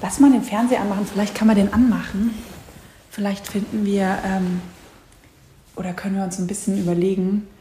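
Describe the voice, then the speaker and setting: Woman exploring an old house on camera, excited, whispering now and then, hiss in the back. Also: mid-range voice, fairly quick, reverberant. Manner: chatty, excitable, often drops to a whisper. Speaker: vlogger exploring a mystery villa. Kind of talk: casual exploring chat. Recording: noisy background.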